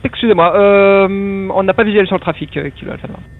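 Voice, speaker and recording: A male pilot talking over a narrowband aviation radio. His voice sits high for a man, and he reads back to the tower a little hesitantly. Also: steady tone, a little fast. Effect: aviation radio transmission.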